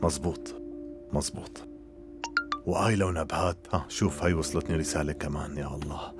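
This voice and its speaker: A man's voice: very deep voice, fairly even intonation, a little fast, over music. A man dubbing a worried older man buried in debts, groaning and exasperated, in a TV drama. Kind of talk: dubbed TV drama.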